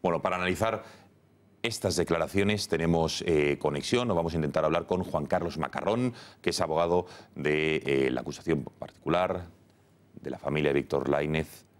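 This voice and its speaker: Male news anchor, very deep voice, firm and emphatic. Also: moderate pace. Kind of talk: news presenting.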